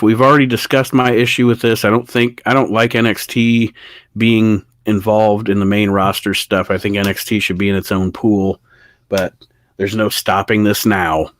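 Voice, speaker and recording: A man co-hosting a podcast in casual, opinionated chat, reading viewer comments aloud. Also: lowish voice. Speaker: podcast co-host.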